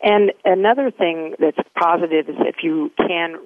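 A woman guest explaining business etiquette in a measured, explanatory way, heard over a tinny phone line. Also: fairly low pitch, no room sound. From United States.

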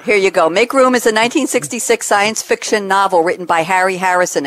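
A woman's voice: on the low side, dry recording. A woman hosting a radio call-in show, chatting playfully with callers and reading bits aloud to them. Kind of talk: casual chat.

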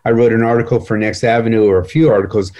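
An older man, a writer, speaking in a measured, thoughtful way during a conversation, with occasional fillers and repeated words. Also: fairly low pitch, fairly even intonation, warm tone. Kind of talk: conversational discussion.

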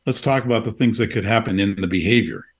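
Quick and husky, on the low side, this is a man in his sixties hosting a radio talk show. The conversation is casual, and he speaks reflectively with frequent restarts and fillers.

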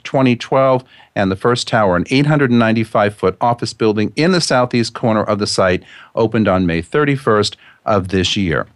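A male radio host with a fairly low voice reads prepared notes and adds his own asides, occasionally tripping over a word. The sound is dry, with no room around it. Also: no echo.

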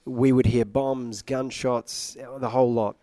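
A man's voice: medium pitch, steady tone, a little slow, dark tone, no room sound. A man from Iraq, a singer who is a guest on a radio interview, playful and joking. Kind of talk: interview conversation.

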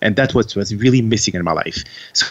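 This guest author is a Québécois man whose mother tongue is French, and his accent shows it as he responds in English. His lowish, fairly bright voice moves at a fast clip over lo-fi sound. Earnest in tone, he keeps starting his answers over.

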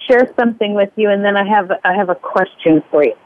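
A woman's voice: mid-range voice, quick pace, no echo. A woman calling in to a radio show over a clipped phone line, talking hesitantly and repeating her words as she restarts. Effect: thin clipped phone line. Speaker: caller. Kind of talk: casual call-in chat. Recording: dry, tinny phone line.

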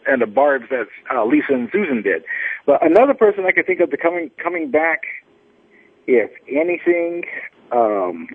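Halting male caller on a clipped phone line. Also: fairly high pitch, husky. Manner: halting, with many restarts and fillers. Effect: thin, clipped telephone line. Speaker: caller to a radio show. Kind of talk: casual phone chat. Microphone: telephone. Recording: narrow-band phone call.

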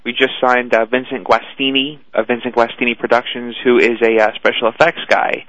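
A man's voice: medium pitch, level tone, a little fast, a bit bright, dry recording. Boston-accented man, enthusiastic radio guest. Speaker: talent agency guest. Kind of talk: casual radio interview. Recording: dull lo-fi radio audio.

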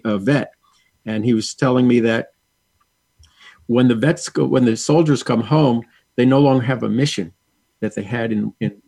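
A man's voice: mid-range voice, vocal fry, warm tone, dry recording. A male guest in an interview, speaking earnestly and repeating words for emphasis. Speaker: guest, angel communicator. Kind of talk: interview chat, storytelling.

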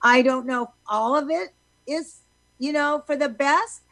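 A woman's voice: high-pitched, measured pace, dry recording, rough recording. A woman guest on a live talk show, telling stories with lots of fillers and restarts. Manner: animated storyteller with many fillers.

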